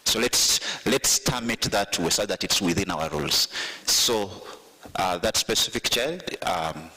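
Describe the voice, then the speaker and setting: Very deep husky man as chair, careful formal ruling, forceful tone. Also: poor audio. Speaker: committee chair.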